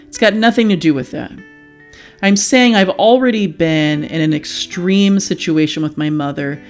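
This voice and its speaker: A woman earnestly and emotionally telling a personal story in a reflective commentary. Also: lowish voice. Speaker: YouTuber sharing personal experience. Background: faint guitar music.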